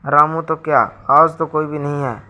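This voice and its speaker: A man's voice: a little high, little pitch movement, moderate pace, pushed and bright, smooth. A man voicing a shrewd old village woman who scolds and complains. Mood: complaining.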